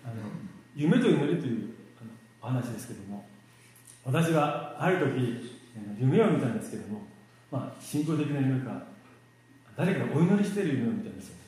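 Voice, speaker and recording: Man preaching in a very echoey hall. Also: medium pitch. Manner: relaxed, self-deprecating, joking; many fillers and pauses. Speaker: lay preacher. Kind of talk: church sermon with humor. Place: church hall.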